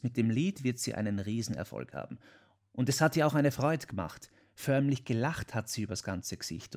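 A man voicing an excitable, boastful older songwriter in an audiobook, chatty and quick to defend himself. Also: medium pitch, lightly acted. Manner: chatty, self-defending, emphatic. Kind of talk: audiobook character voice.

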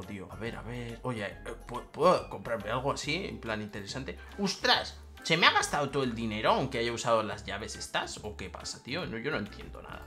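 A young woman with a Spain Spanish accent giving excitable gameplay commentary, jumping from loud shrieks to muttered asides. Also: very deep voice. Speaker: gaming YouTuber.

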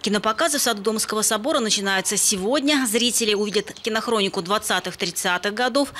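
A woman's voice: medium pitch, bright, forceful tone. A woman reporter reading a scripted news voice-over.

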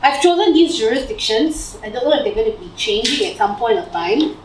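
A young Malaysian woman with a Malaysian English accent chattily presents her PhD research to friends in her living room, a slide up on the TV, using many fillers and ending phrases with "lah" and "right?". Her voice is fairly high, very animated and a little fast. A far camera across the room gives roomy, distant audio with faint hiss.

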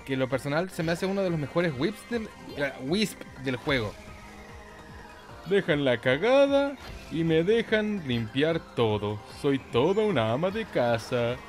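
Over game music, this Chilean-accented YouTuber jokes and swears his way through playful gameplay commentary. His voice is fairly high and very animated, though he doesn't rush, and he adds goofy sound effects and singsong bits.

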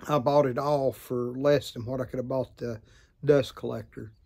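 A man's voice: mid-range voice, fairly even intonation, gravelly, darkish tone, slightly rough. Folksy Southern American man, chatting casually. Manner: unhurried, folksy, rambling. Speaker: vlogger and hobby pipe maker. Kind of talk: casual chat to camera. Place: outdoors by a farm field.

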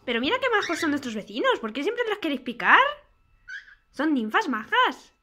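A woman's voice: high-pitched, sing-song, normal speed, background noise. Amused Spanish woman scolding her birds. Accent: Spain Spanish. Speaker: pet bird owner. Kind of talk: casual comic commentary.

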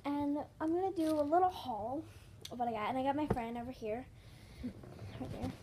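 Chatty high-voiced girl, noisy bedroom phone recording. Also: a little fast. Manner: chatty, giggly, restarts often. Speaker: vlog host. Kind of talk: casual haul video chat. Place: small bedroom indoors. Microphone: handheld phone camera close up.

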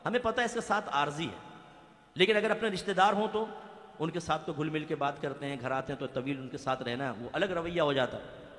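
A man's voice: on the high side, a little fast, a bit bright. A male preacher giving an emphatic, vivid sermon, pushing his voice up to stress his points. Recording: echoey hall with long reverb.

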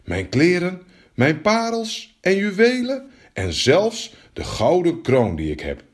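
Man doing a whiny young princess, stammers, big swoops in pitch. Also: wildly swooping pitch, takes it slowly, full character voice. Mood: flustered. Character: young princess, spoiled and fearful.

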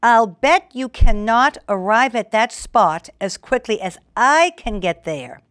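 Female tortoise, read by a woman, clever, confident, storybook, slow, dry close sound. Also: fairly high pitch, animated, fairly bright tone, dry recording. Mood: challenging. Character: clever calm female tortoise, quietly daring.

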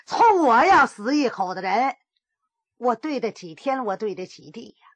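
A woman's voice: fairly high pitch, very animated, normal speed, no room sound. A woman storyteller voicing a wronged young nobleman lamenting in earnest inner monologue. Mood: resigned.

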